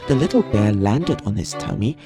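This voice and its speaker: Female storyteller, very low pitch, expressive storybook read with music under it. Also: normal speed. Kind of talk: storybook reading.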